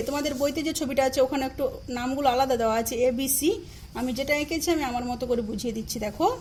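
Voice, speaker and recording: A high-voiced woman with a Bengali accent teaches a math class. She goes slowly through each term, spells words out and answers her own questions. A faint hum sits under the recording. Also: a little mellow, rough recording. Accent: Bengali, from eastern India. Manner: patient, repeats key terms and spells them out; asks questions then answers them herself.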